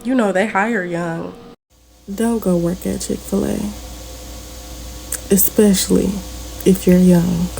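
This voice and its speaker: A nineteen-year-old woman hosts her own podcast, telling a personal story in a loose, rambling way and often correcting herself mid-sentence. She talks at an unhurried, drawn-out pace at a middling pitch. A faint ambient hum sits underneath the recording. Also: steady tone, creaky, mellow, low-quality recording. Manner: chatty, rambling, self-correcting. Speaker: podcast host. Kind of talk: casual storytelling.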